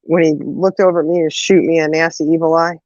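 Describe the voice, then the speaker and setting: A woman co-host in a casual chat, telling a story in an animated way and acting out the quotes, on a dull lo-fi recording. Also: low-pitched, fast, dry recording. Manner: animated, acts out quotes, laughs often.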